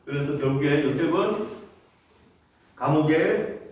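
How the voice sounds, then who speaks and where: A man's voice: a little high, unhurried, darkish tone, a little hiss or hum. A man leading a children's sermon, telling the story and asking the children frequent questions. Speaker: children's worship leader. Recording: echoey church hall from a distance.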